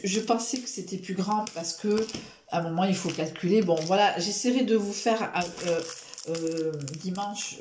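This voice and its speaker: A woman's voice: lowish voice, a little mellow, roomy sound, slight background noise. A woman chatting casually to camera in a rambling, self-mocking way, full of fillers and restarts. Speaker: vlogger.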